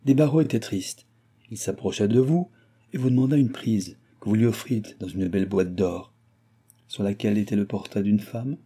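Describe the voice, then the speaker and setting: A man's voice: lowish voice, normal speed, dark tone, slightly rough. Man reading as a grave, mysterious stranger. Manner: grave, unruffled. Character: mysterious grave male stranger, calm and eerie.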